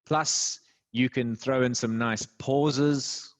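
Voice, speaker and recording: A man speaking as a guest on a podcast, sharing voice-training advice with animated energy. His delivery swings in pitch and volume for emphasis. He talks like a working voice actor who is coaching the listener. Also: slow pace. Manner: explanatory, animated, laughs easily. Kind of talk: conversational interview.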